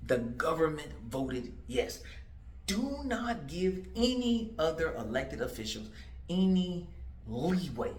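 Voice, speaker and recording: A man's voice: a little high, big pitch swings, slow. A man in his forties, a political candidate, talking straight to the viewer in an emphatic, repetitive way full of rhetorical questions. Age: 40s. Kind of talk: direct-to-camera political commentary. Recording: roomy echo.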